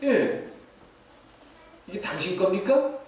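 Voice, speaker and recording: A man preaching a sermon as pastor, lively and playful, mimicking short dialect phrases. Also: sits high, slow pace. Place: church sanctuary. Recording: echoey, distant, faint hiss.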